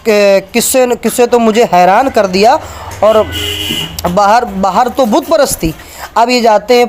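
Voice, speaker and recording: A man's voice: high-pitched, darkish tone. A man giving an argumentative religious talk, reading passages from books and pointing viewers to pages. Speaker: religious speaker.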